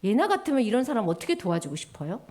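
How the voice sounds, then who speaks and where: A woman giving a children's sermon in a lively, sing-song storytelling way, acting out little voices. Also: on the high side, quick pace.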